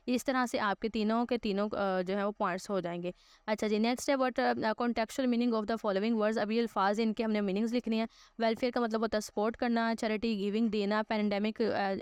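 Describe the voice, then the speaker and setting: Woman teacher, patient step-by-step explaining, slightly high voice, dry sound. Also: smooth, no room sound. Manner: explains patiently, repeating points in Urdu and English. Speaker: English teacher. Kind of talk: exercise walkthrough lesson.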